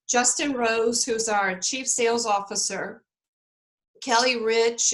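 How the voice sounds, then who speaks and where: This network marketing team leader has a fairly high, fairly bright voice, captured on a low-quality recording. Running a video-call team meeting, she coaches in an upbeat way and checks in with listeners frequently.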